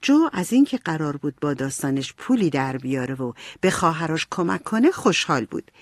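A woman narrating a storybook in an even, clear storytelling manner. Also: low-pitched, no room sound. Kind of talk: storybook reading.

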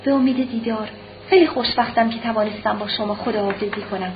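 A woman reading an audiobook, voicing an anguished, proud young noblewoman in a quiet, subdued way; slightly muffled recording with faint hiss. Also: fairly high pitch, natural voice. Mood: sorrowful.

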